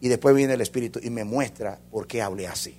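A man preaching a sermon as a pastor, swinging between loud fervor and hushed intensity. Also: mid-range voice, quick pace.

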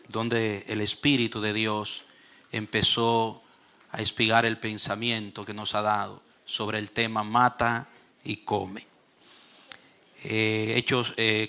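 Male preacher, bright and tense tone, sermon delivery with emphatic scripture reading. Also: fairly low pitch. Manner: reads scripture aloud with rising emphasis, frequent "eh" pauses. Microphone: streamed online service.

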